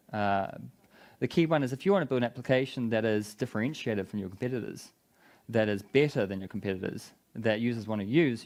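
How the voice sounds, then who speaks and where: A man with a thick, broad New Zealand accent and a slightly low-pitched voice presents at a conference. He explains his product informally, as a speaker walking an audience through it. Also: a little mellow. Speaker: conference speaker, business development head.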